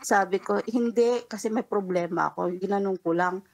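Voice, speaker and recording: A woman's voice: mid-range voice, normal speed, low-quality recording. Woman caller spilling a confession. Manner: rambling, retells dialogue, nervous laughs. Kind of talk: confessional storytelling on a call-in radio show.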